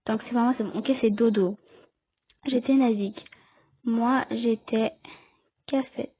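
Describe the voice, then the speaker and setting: Brief: chatty woman streaming a game, explaining rules and bickering with teammates, recorded on a tinny low-grade mic. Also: steady tone, slow pace, breathy edge. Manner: chatty, explains rules to viewers, talks back to other players. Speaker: gaming video creator. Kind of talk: casual Let's Play commentary. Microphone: cheap headset or desk mic.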